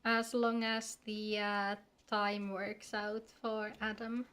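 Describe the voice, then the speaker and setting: Smooth and a little bright, this woman's voice sits at medium pitch with little movement and a slow pace. She's a live streamer playing an online game, bantering playfully with viewers in a loose, informal way and cursing freely.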